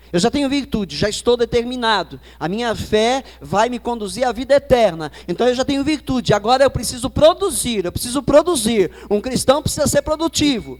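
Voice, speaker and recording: A man with a São Paulo Brazilian accent preaching a sermon as pastor, repeating key words for emphasis and rising to loud declarations. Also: very high-pitched. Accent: Brazilian Portuguese, São Paulo. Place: church sanctuary. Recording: church hall reverb.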